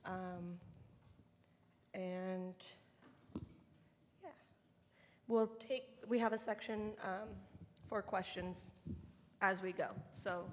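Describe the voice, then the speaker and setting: A woman's voice: mid-range voice, fairly even intonation, extremely slow, long pauses, a little hiss or hum. Ministry leader type, woman briefing volunteers in a conversational way, with a long hall echo. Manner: informal and conversational, addressing a group. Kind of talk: leading a volunteer training session. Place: church meeting room.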